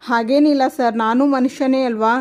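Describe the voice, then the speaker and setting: A man's voice: very high-pitched, steady tone, brisk. A woman reading an evasive greedy suitor.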